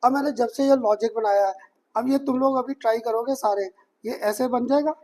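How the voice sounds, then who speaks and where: With a very high, slightly mellow voice and a fairly quick pace, this male chemistry teacher chats through his lecture. He slips English technical terms into his Hindi and keeps checking whether the class has understood.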